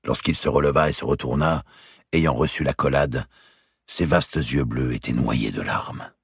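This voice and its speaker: Man reading a historical novel, really deep gravelly voice, dry close sound. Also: measured pace, dry recording. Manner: expressive, acts out every character. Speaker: audiobook narrator. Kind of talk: scripted narration of a historical novel.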